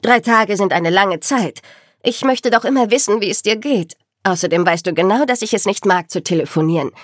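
A woman's voice: mid-range voice, a little fast, no room sound, studio quality, close to an everyday voice. A woman voicing an affectionate, somewhat theatrical older sister in an audiobook. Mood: doting. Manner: warm, doting, a little dramatic. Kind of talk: audiobook character dialogue.

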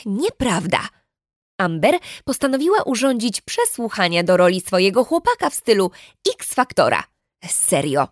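Woman, audiobook narrator, lively comic storytelling, bouncy high voice, dry close sound. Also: normal speed, dry recording. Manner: animated, comic, first-person storytelling. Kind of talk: expressive storybook reading of a teen diary.

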